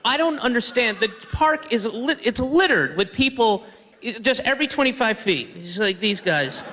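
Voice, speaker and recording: A man's voice: very high voice, expressive, moderate pace, pushed and bright, big-room sound. A man doing a rambling stand-up comedy set, slipping in and out of mocking voices.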